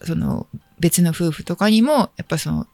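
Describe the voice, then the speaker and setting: A woman's voice: on the low side, expressive, moderate pace, a little mellow, no echo, faint music behind. A woman co-hosting a casual advice podcast, talking in an agreeable, encouraging way. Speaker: podcast co-host who gives advice.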